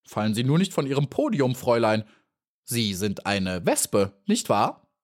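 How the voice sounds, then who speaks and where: A man's voice: wildly swooping pitch, normal speed. A man voicing a cheeky, good-natured male grasshopper in an audiobook, pert and mocking in manner. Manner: pert, mocking, springy high exclamations. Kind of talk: audiobook character voice.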